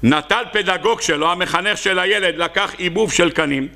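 A man with an Israeli accent, a rabbi preaching a sermon and telling parables, acting out the characters in them. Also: bright, forceful tone. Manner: storytelling, acting out characters with sudden high cries. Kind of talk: Hebrew sermon with acted parables.

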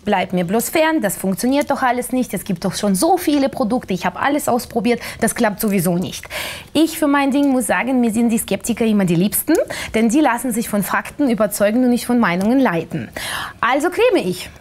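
A woman's voice: on the high side, expressive, a little fast, a little mellow. A woman in her thirties giving an infomercial testimonial as an interview guest in a TV studio.

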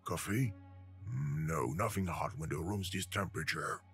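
A man's voice: very deep voice, normal speed, a bit bright, soft background music, voice pushed down. A man voicing the game's flustered male creator, muttering to himself at home.

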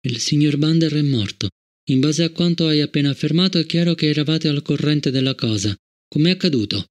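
A man reading an audiobook, voicing a cold, relentless male guard robot with a flat, formal manner. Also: fairly high pitch, brisk, natural voice. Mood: stern. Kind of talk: audiobook character voice.

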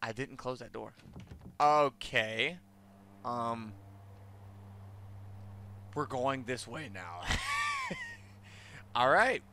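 A man's voice: medium pitch, wildly swooping pitch, drawn-out words, long pauses, pushed and bright, a little hiss or hum. A man giving casual horror game commentary as a scared streamer, jumpy and talking to himself and to the game.

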